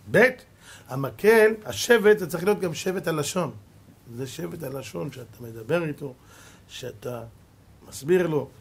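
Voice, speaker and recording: A man with a high, husky voice gives a Torah lesson. He preaches with force, jumping from loud bursts to soft asides. He teaches through stories. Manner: emphatic preaching with sudden loud and soft swings; storytelling with acted quotes. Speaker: rabbi.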